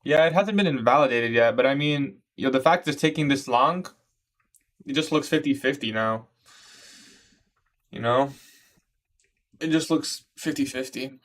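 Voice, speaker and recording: The voice is mid-range and a bit bright, a little slow, with frequent pauses. Its owner, a twenty-one-year-old Iraqi livestream host and day trader, narrates his trades and answers chat in a casual, slangy style, calling viewers "bro."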